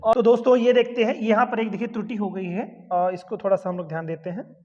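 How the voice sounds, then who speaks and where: A man's voice: high-pitched, steady tone, quick pace, a little mellow. A man teaching a Hindi grammar lesson for exam prep. He calls viewers his friends, recites letters one by one, and keeps checking in with "theek hai". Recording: dull lo-fi sound with long reverb.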